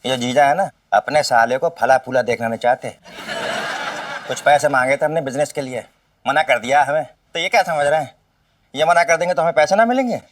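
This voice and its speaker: A man's voice: medium pitch, fairly quick, no room sound, natural voice. A man playing a brash scheming brother-in-law. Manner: brash, cheeky, loud. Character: boastful scheming brother-in-law, Chhatanki Mama. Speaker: comic actor. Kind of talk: sitcom acting. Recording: dry, from a distance.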